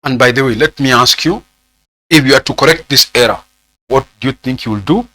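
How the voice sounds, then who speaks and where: A man with a Kenyan accent delivers an accounting lecture, questioning the class and repeating phrases slowly so students can take them down as notes. His voice is medium-pitched with a sharp tone, and the recording is rough but has no echo.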